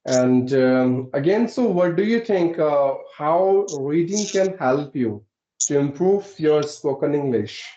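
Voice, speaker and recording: Guy from uttarakhand explaining english stuff, kinda high voice, muffled. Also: expressive, takes it slowly, mellow. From Uttarakhand, India. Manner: polite, explaining, frequent "right?". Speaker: English teacher, channel host. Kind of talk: casual conversation practice. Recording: echoey, dull lo-fi sound.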